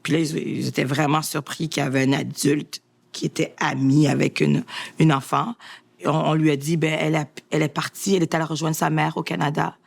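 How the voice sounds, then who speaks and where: A young adult woman, performing a folk tale in a lively, sing-song way with chanted refrains. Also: sits low, brisk, creaky. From Haiti. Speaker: storyteller. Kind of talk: storytelling performance.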